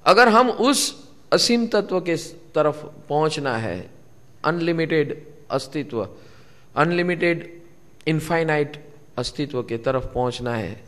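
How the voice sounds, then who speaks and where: A man's voice: on the high side, fairly bright tone. A man giving a spiritual discourse to a live gathering, repeating key words and putting questions to his listeners. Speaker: spiritual teacher. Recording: long hall reverb.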